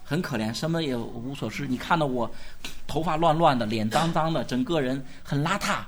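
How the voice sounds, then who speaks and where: A man's voice: mid-range voice, moderate pace, slight background noise, close to an everyday voice. A man in a sermon voicing a former street beggar who became a successful man, speaking earnestly and insisting he is the same person. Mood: insistent.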